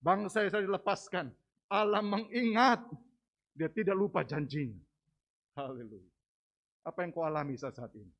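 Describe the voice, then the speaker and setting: High-voiced man preaching a dramatic testimony. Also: lively intonation, moderate pace, pauses often. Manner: dramatic, swings from hushed to loud. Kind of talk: sermon testimony. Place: church.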